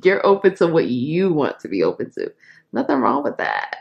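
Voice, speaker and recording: A woman's voice: low-pitched, very animated, normal speed, vocal fry, lo-fi sound. A woman giving a casual tarot reading, chatty and frank, laughing often and leaning on fillers. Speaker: tarot reader.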